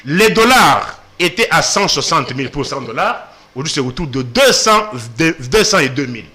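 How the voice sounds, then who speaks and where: A man's voice: on the high side, lively intonation, moderate pace, pushed and bright. Man citing price figures in a debate. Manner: interjects with figures and short jabs. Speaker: debate panelist.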